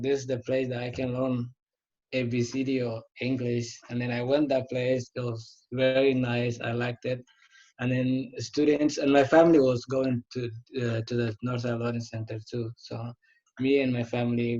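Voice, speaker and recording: A man speaks in a flat, even tone, using plain English phrases and often repeating himself. The recording is dull and lo-fi, with muffled highs. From Kenya. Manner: simple, non-native phrasing, repeats words. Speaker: operations manager. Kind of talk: casual interview. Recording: dull lo-fi audio.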